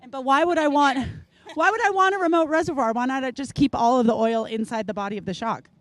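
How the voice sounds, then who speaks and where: A woman's voice: brisk, a bit bright, dry recording. A woman hosting a live show, chatting casually and enthusiastically with guests at an outdoor rally event. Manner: chatty, enthusiastic, acts out quotes with big pitch jumps. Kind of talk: casual on-site interview.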